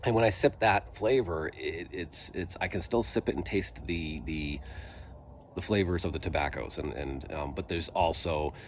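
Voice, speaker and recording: A man giving a casual, rambling product review, thinking aloud haltingly with trailing pauses. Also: low voice. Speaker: pipe tobacco reviewer. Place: outdoors in a light breeze. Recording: breezy outdoor vehicle-like background noise.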